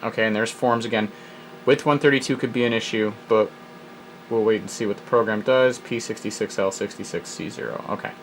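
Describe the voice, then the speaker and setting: A man's voice: on the low side, brisk, a little hiss or hum, low-quality recording. A man hosting a retro computer video, thinking aloud as he works through an old program, with wry little asides. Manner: muses aloud while reading prompts, wry asides. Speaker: retro computer hobbyist host. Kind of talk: casual think-aloud software walkthrough.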